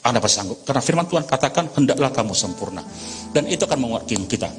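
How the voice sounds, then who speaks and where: A pastor, preaching a sermon in a lively storytelling manner with acted voices. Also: male voice, mid-range voice, rapid-fire. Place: large church hall. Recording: reverberant church hall with music.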